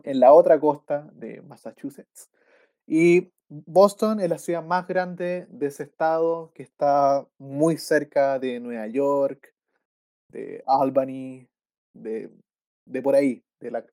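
A man with a Chilean accent who co-hosts a casual film podcast, rambling in a relaxed way and often ending with slang tags. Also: medium pitch. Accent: Chilean Spanish. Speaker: podcast co-host.

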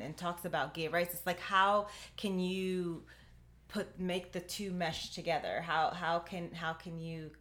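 A woman in her thirties from Puerto Rico co-hosts a casual podcast. Her voice is somewhat low, and she talks in a chatty way, pausing on "um" as she searches for words. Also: a bit bright. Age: 30s. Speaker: podcast co-host.

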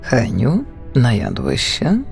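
Male narrator putting on a careful, orderly whale father; slow, creaky, animated. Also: mid-range voice, soft background music, heavily acted. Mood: questioning.

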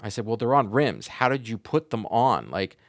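A man co-hosting a gaming podcast, telling an exasperated story in a casual, animated way. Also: mid-range voice, normal speed, dry recording, clean studio sound. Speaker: podcast co-host. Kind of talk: casual chat.

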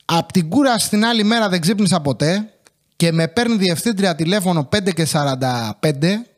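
High-voiced Greek-speaking man grumbling and swearing. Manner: swears constantly, grumbling storyteller. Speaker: podcast host. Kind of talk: casual comic monologue.

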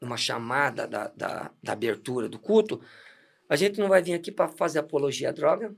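A middle-aged deacon tells his story in a casual, chatty way. His voice sits high for a man, and he laughs often and restarts his sentences. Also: lively intonation, brisk, gravelly, slightly rough. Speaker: deacon giving testimony. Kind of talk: casual testimony chat.

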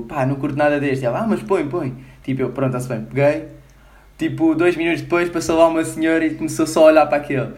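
A man's voice: medium pitch, darkish tone. A young man chatting casually, with lots of slang and filler words. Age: young adult. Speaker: guest painter. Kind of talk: casual chat.

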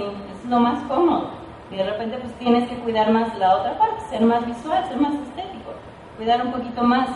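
Speaking to her sales team in a loose, playful training session, this woman keeps asking "ok?" to make sure they follow. Her voice sits fairly high with a gentle mellowness, recorded from afar in a reverberant room where a faint hiss or hum can be heard.

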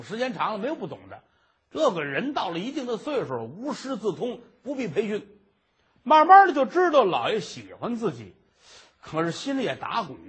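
Male storyteller, husky and animated. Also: high-pitched. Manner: animated, chatty. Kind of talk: traditional oral storytelling.

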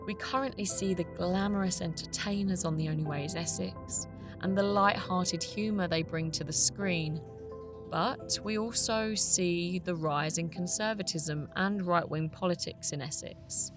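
A woman's voice: on the low side, a little slow. A woman podcast host delivering scripted narration. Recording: spoken over music.

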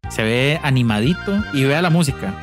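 Man, Costa Rican accent, slangy, excited gameplay chat, game music behind. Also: medium pitch, normal speed. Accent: Costa Rican Spanish. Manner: excited, slangy, mixes in English words. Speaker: co-host.

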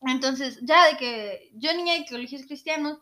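A woman's voice: high voice, moderate pace, sharp tone. A woman co-hosting a podcast, telling a childhood story in casual chat, laughing often and acting out quotes. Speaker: podcast co-host.

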